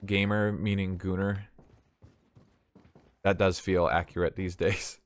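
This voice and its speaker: Deep-voiced man rambling over gameplay. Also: flat delivery, slow, dry recording. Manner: rambling, swears casually, thinks aloud. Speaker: streamer. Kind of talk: casual gameplay commentary.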